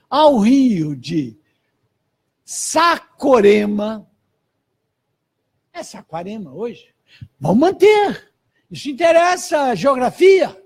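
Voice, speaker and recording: A man's voice: very high voice, slightly rough. A man with a Brazilian Portuguese accent giving a live lecture, explaining step by step and putting questions to his audience. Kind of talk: live lecture on old handwriting.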